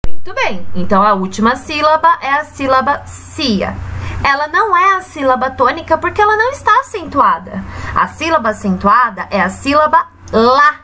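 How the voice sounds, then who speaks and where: Slow, sing-song Brazilian woman teacher. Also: sits high, expressive, sharp tone, slight background noise. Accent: Brazilian Portuguese. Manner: slow, sing-song teacher talk, drawing out example words. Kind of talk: recorded remote grammar lesson for children.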